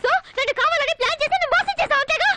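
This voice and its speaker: A woman's voice: very high-pitched, rapid-fire, heavy background noise. An actress playing a strict, principled young woman lecturer who scolds sharply, in a dubbed film. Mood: firm refusal.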